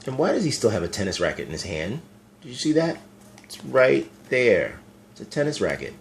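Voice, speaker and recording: A man reading a picture book aloud to children, gentle and chatty, stopping to point out the pictures. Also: lowish voice, very animated, fast talker, a little hiss or hum. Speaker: storyteller.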